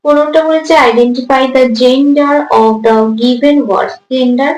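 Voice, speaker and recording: Woman teacher, exam walkthrough, slow careful delivery, spells words out, roomy echo. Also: sits high. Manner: spells answers out letter by letter; reads English prompts slowly, then explains in Bengali. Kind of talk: exam answer walkthrough lesson. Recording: echoey room.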